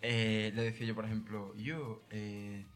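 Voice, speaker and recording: A man's voice: lowish voice, level tone, unhurried, fairly bright tone. A man telling a crude comic story, laughing and swearing as he goes. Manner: swears freely, laughs through his own story. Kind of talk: casual comedic storytelling.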